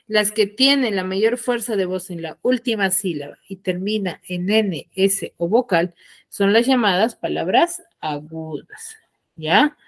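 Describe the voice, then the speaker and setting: A woman's voice: mid-range voice, no room sound. A woman teaching an online school class, patient and explanatory, constantly checking that her students follow with short questions. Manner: patient, keeps checking understanding with quick questions. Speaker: secondary school language teacher. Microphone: computer mic on a video call.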